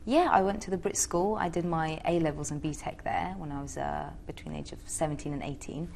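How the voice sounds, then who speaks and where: Her low, creaky voice holds a steady, darkish tone as she talks briskly. She is a young woman from Georgia, a singer giving an interview, answering in a chatty, hesitant manner loaded with fillers, over slight background noise.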